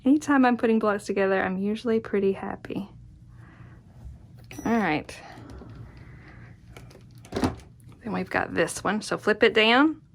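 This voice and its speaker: A woman's voice: mid-range voice, measured pace, vocal fry, pauses often, slight background noise. A woman giving a casual hands-on craft tutorial, chatty and murmuring encouragement to herself as she works. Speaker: quilting tutorial host. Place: indoors at a craft worktable.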